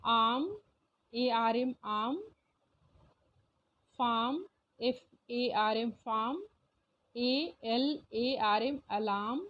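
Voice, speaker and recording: Slow Indian woman teacher spelling words. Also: on the high side. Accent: Indian English. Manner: mixes Hindi explanation with English words. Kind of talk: phonics reading lesson for children. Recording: dull lo-fi sound.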